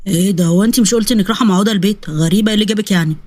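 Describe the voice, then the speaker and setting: A woman's voice: mid-range voice, very fast, darkish tone, pitched below the performer's own voice, natural voice. A woman doing a curt, evasive husband. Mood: defensive. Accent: Egyptian. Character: evasive unfaithful husband, grown man.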